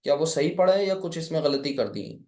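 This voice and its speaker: A man's voice: a little high, expressive, a little mellow, echoey room. A man from India teaching a live Arabic class, patiently explaining step by step and quizzing his students.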